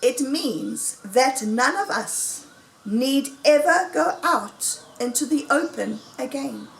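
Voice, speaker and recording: A jubilant storybook fox, acted out by a woman, makes grand, rallying speeches to his friends. The voice is high and swoops with boastful pride, in a roomy space. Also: expressive, takes it slowly, gravelly, full character voice.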